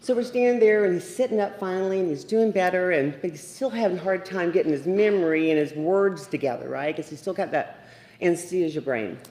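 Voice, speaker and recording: A middle-aged woman giving a memorial eulogy, a lively storyteller who acts out the lines of the people in her stories. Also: on the low side, fairly quick. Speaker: eulogy speaker. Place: memorial service room. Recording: echoey livestreamed room.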